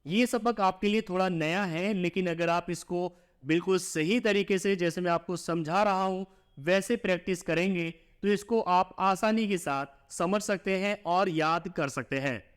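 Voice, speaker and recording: Male teacher, high voice, clear smooth tone, spells letters and vowel marks one by one, unhurried recitation drills. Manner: spells each letter and vowel mark slowly, then joins them; quick plain explanations between drills. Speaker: Quran reading teacher. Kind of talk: slow spelled-out recitation lesson.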